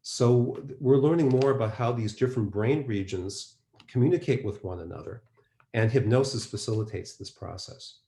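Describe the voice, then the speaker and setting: Teaching through rhetorical questions, a male mind-body medicine practitioner leads a webinar in a chatty, explanatory style. His gravelly, warm voice is mid-pitched at an ordinary pace, and the recording has a spacious echo.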